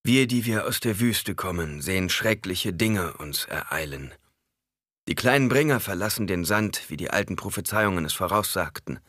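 An old, weathered desert leader with a solemn, formal way of speaking, voiced by a man. The voice stays low and close to the reader's own, recorded dry and close. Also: lively intonation, fairly bright tone, no room sound. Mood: grave. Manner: grave, formal, measured.

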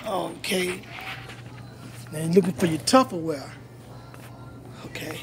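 A man's voice: a little high, slow. A middle-aged man filming a casual walkthrough of a store aisle on a phone at arm's length, pointing out prices to viewers over and over. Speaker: vlogger. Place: large store aisle indoors. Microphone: phone held at arm's length. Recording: noisy store ambience.

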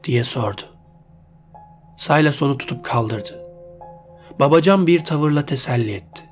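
A male storyteller reads a fantasy tale aloud at a steady, measured pace. His voice is mid-pitched, neither high nor low. Quiet music runs underneath. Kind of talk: reading a short story aloud.

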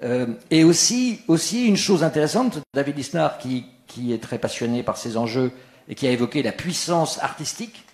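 A male moderator introduces the next speaker, and his long, winding sentences are full of fillers and hesitations. His voice sits at an ordinary middle pitch. The recording carries a roomy, echoey hall sound. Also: animated, moderate pace, a little mellow. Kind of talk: panel moderation.

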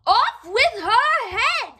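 A woman voicing the furious Queen of Hearts, yelling her commands slowly and drawn out in a storybook reading. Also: very high voice, expressive, voice pushed up, heavily acted.

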